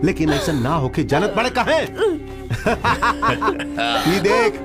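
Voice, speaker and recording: A man's voice: fairly high pitch, wildly swooping pitch, fairly quick. An amateur actor playing a cruel, mocking male gang boss who taunts and threatens. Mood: gloating. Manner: taunting, gloating. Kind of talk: amateur spoof film acting. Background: background music.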